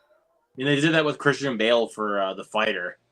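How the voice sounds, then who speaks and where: Bright-voiced opinionated man talking films. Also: medium pitch, moderate pace. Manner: opinionated, repeats words. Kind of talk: casual film chat.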